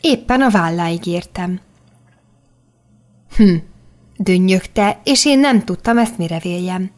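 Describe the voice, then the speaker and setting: Woman reading a children's novel aloud. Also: lowish voice. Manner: even, clearly articulated storytelling. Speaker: audiobook narrator. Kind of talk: scripted first-person narration.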